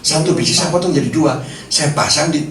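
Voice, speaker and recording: A middle-aged man, preaching and telling a lively personal story, acting out the dialogue. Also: a little high, a little fast, distant mic, a crowd in the background. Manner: storytelling, animated, acts out dialogue, laughs often. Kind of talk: sermon with personal testimony. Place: church hall. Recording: echoey hall, mic from afar, faint noise.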